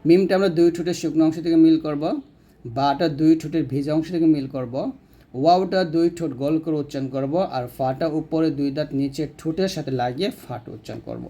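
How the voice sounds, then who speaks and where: Mellow-voiced man teaching recitation. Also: fairly high pitch. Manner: slowly drawn-out demonstration syllables between explanations. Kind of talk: step-by-step pronunciation lesson.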